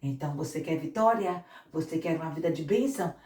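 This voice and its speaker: A woman missionary telling a Bible story to children, animated and speaking to them directly. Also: sits low, a little fast. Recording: echoey room, mic far off.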